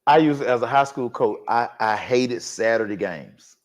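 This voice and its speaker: A man who once coached high school football, telling a story in casual, slangy sports talk and voicing the people in it. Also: moderate pace. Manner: animated, slangy storytelling with voiced quotes. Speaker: sports talk show host.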